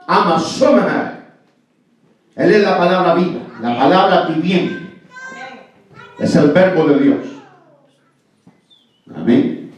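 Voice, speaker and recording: A man's voice: a little high, expressive, slow pace, pauses often. A man from El Salvador, preaching a sermon as a pastor, emphatic and often asking "amén" and "¿verdad?". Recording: very echoey, distant, muffled church recording.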